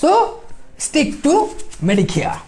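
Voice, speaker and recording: A woman with a Bangladeshi Bengali accent teaching English at a coaching class, firing quick rhetorical questions at her students. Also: darkish tone. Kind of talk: classroom lecture.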